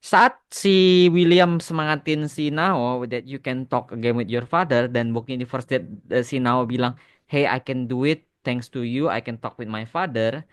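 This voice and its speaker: Unhurried and clean in tone, a mid-range male voice belongs to an Indonesian animation creator being interviewed on a podcast. He explains things casually and drops in English phrases now and then.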